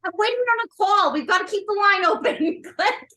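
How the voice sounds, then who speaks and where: A woman's voice: very high-pitched, brisk, a crowd in the background. A woman playing a tabletop role-playing game, chatting and improvising casually and playfully.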